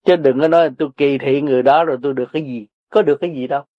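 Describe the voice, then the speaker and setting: Talking very fast in a steady, medium-pitched voice, an older Southern Vietnamese-accented man delivers earthy, blunt and repetitive Buddhist teaching in a folksy way to his listeners. The recording is dry, dull and lo-fi, with no echo.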